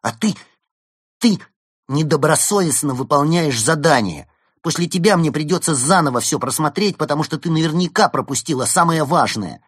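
Male narrator doing a fussy storybook penguin, indignant and lively. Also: fairly low pitch, slow, hardly any pauses, husky, no echo, studio quality, exaggerated voice. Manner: indignant, huffy. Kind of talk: storybook reading.

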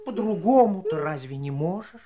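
A woman's voice: on the low side, moderate pace, crowd noise, close to an everyday voice. A woman playing a talking raven, a fussy, wise companion who tells the story expressively in an audio drama. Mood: chatty storytelling. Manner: expressive, chatty, admonishing.

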